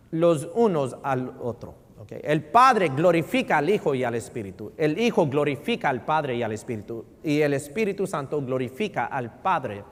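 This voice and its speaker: Male pastor, slightly high voice, bilingual sermon with loud-soft swings, reverberant sanctuary. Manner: switches between Spanish and English, keeps asking "right?"; swings from loud emphasis to near-murmur. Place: church sanctuary. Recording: long reverb in a large hall.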